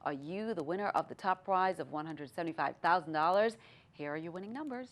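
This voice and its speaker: A woman news anchor reading scripted news in a measured, formal announcer delivery. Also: fairly low pitch, expressive, a little hiss or hum.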